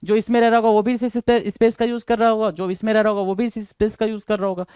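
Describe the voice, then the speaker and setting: A man's voice: high-pitched, flat delivery, fast, darkish tone, clean tone, dry recording, studio quality. A man teaching exam vocabulary in a chatty mix of Hindi and English, repeating each word and asking his students questions. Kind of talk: Hindi-English classroom explanation.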